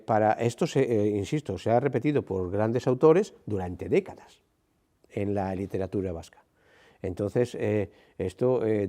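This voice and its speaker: A man's voice: on the low side, dark tone. A man giving an earnest explanatory talk on linguistics, with frequent "eh" fillers, tag questions, and emphatic rising stresses. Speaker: speaker on linguistics.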